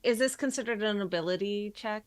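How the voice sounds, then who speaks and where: A woman's voice: medium pitch, a little fast, no room sound. A woman playing a tabletop game, chatting casually and jokingly with the other players.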